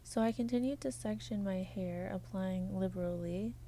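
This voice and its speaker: A woman narrating a home hair-bleaching tutorial as a voice-over, speaking softly and often dropping to a half whisper, at times flat and measured and at times quick and chatty. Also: mid-range voice, slight background noise. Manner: soft, half-whispered instructional delivery. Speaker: beauty vlogger.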